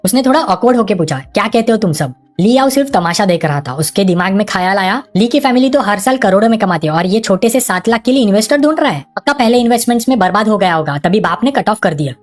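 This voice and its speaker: A woman races through a manhwa recap in brisk storytelling, keeping a steady middle pitch. Faint music plays under her voice throughout. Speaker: narrator.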